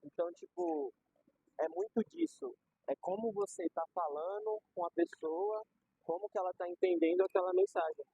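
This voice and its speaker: A man's voice: high voice, sing-song, normal speed, vocal fry, mellow, breathy edge, no room sound. A young man with a Brazilian Portuguese accent, chatting casually and explaining ideas with everyday examples and slang. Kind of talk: casual conversation. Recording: dull lo-fi recording.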